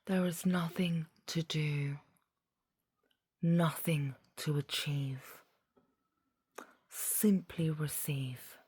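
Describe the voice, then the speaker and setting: Very slow, breathy low-voiced woman guiding meditation. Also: steady tone, no room sound, studio quality. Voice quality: soft, breathy, half-whispered. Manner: soothing, deliberate, phrase by phrase. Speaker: guided meditation host. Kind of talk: whispered guided meditation.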